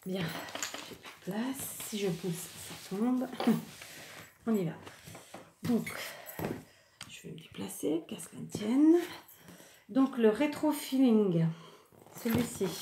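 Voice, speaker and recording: A woman showing off a shopping haul in casual chat, thinking aloud and often trailing off softly. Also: medium pitch. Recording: echoey room with loud background noise.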